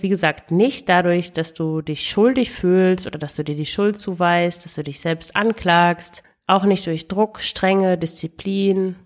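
Low-voiced woman hosting a podcast. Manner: calm explaining, addressing the listener directly; frequent self-corrections and restarts. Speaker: podcast host and weight coach. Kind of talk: solo podcast monologue.

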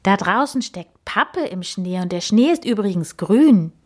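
A woman voicing a gruff, grumbling male hotel guest in a storybook reading. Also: mid-range voice, animated, measured pace.

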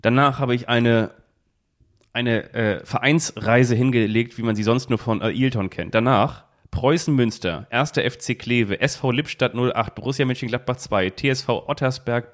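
A man hosting a relaxed football podcast, quizzing his co-host. He phrases each clue in the first person as the mystery player and lists clubs and career stats. He talks into a phone held close to a device. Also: medium pitch, normal speed. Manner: poses riddles speaking in first person as footballers. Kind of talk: casual football quiz chat.

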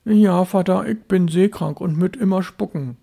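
A man doing a plucky Low German fisher boy. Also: moderate pace, vocal fry, warm tone. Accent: Low German dialect. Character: eager seasick young fisherman's boy.

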